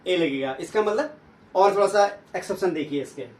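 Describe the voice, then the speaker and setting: Male teacher, high voice, drills learners with questions he answers himself, heard from a distance in an echoey room. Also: animated, darkish tone. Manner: asks questions and answers them himself, repeats sounds slowly. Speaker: English teacher. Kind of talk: classroom grammar lesson.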